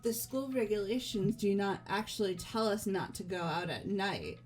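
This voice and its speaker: This low-quality recording captures a woman's mid-range voice as she plays a game character for a fan dub, her delivery steady, composed and measured. Game music sits faintly in the background.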